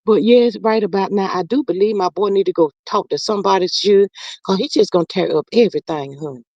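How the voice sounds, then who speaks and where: Speaking a little fast in a mid-range, darkish voice, a performer improvises a gossipy older mother character on a livestream, stammering, using fillers and addressing everyone as honey and child while going over comments. The natural-sounding voice has no echo, though the highs are cut off.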